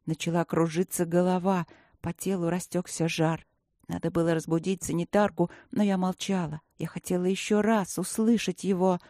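A woman narrating an audiobook in first person, speaking softly with a feverish, breathless edge. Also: fairly low pitch, level tone, normal speed, dry recording, studio quality.

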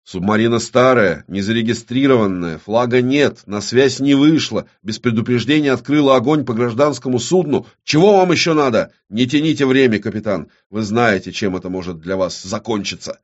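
A man voicing a ruthless, impatient government official who barks sharp orders. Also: medium pitch, moderate pace, hardly any pauses, pitched above the performer's own voice, close to an everyday voice. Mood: threatening. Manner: sharp, commanding, shouting orders. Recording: dull lo-fi recording.

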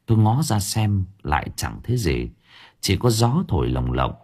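Husky lively male audiobook narrator. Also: low-pitched, normal speed. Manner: storytelling narration with varied intonation.

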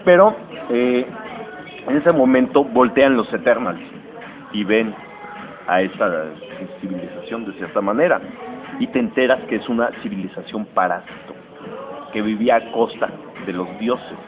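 A man with a Mexican accent, a comics podcast host, casually retelling a comic's plot in a slangy, animated way and briefly acting out characters' lines. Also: on the low side, music in the background. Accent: Mexican Spanish. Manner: animated, slangy, acts out lines in quick voices. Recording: dull lo-fi recording with steady noise.

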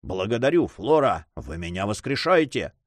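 A man's voice: lowish voice, sing-song, normal speed, dry recording, clean studio sound. A man voicing a gallant young nobleman who speaks courteously and earnestly to the ladies.

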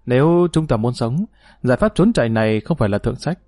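A man's voice: medium pitch, lively intonation, fast talker, warm tone, no echo, lightly acted. A man voicing a confident, protective leader who speaks in an easy-going, assured way, recorded dry. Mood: serious.

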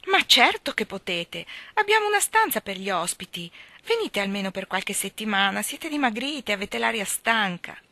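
A woman reading aloud, voicing a kindly man gently urging a tired friend to stay. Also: medium pitch, very animated, normal speed, no echo. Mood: persuasive.

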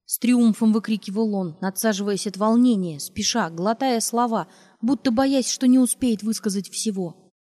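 A woman narrating a novel in a measured, even storytelling manner. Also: fairly high pitch. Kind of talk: audiobook narration.

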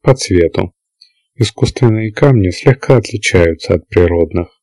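A man reading the lines of a calm, self-assured half-alien young woman in an audiobook, explaining things in an even way. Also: low-pitched, moderate pace, no room sound, poor audio. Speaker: character in an audiobook.

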